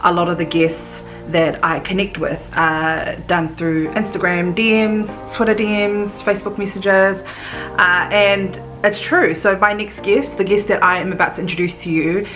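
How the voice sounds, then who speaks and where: A woman's voice: fairly low pitch, fairly even intonation, normal speed, music in the background, low-quality recording. A woman hosting a podcast in an effusive, informal, chatty way. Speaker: podcast host. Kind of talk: casual, chatty podcast talk.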